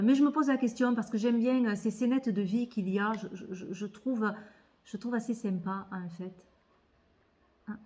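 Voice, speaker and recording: Her voice sits on the high side and sounds fairly bright. Chatting loosely about tarot decks in a haul, the vlogger, who covers tarot and oracle cards, muses aloud and repeats words whenever she falters.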